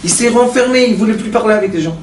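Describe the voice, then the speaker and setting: A man, a rabbi, giving a Torah class to a live audience, telling stories and throwing rhetorical questions at the listeners in an animated way. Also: high-pitched, rapid-fire. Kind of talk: Torah lecture with storytelling. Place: study center hall with a mixed audience. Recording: echoey room, distant mic, faint noise.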